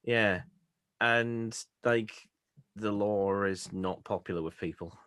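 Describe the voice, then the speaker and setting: Man, lowish voice, dry close sound, casual swearing podcast chat. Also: slow pace, fairly bright tone, smooth, no room sound. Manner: laughing, swearing banter. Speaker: podcast co-host.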